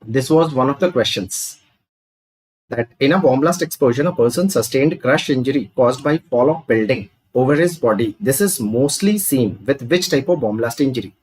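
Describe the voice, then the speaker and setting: A man's voice: medium pitch, animated, normal speed, darkish tone, poor audio. A man with a North Indian accent teaching an exam review class, posing questions and answering them in a didactic way. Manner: didactic, asks questions and answers them, repeats key points; mixes Hindi phrases into English. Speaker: medical lecturer. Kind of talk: exam review lecture, live online class.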